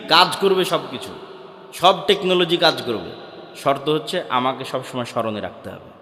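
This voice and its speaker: Man, sermon, Bangladeshi Bengali accent, higher voice, long hall reverb. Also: fairly bright tone. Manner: rhetorical questions answered by himself. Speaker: preacher. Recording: echoey hall.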